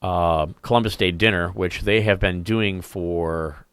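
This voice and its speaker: A man's voice: low voice, fairly even intonation, measured pace, a bit bright, smooth, no echo, studio quality. A man hosting a podcast in casual chat, rambling through stories with many fillers and restarts. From Kenosha, Wisconsin. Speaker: podcast host.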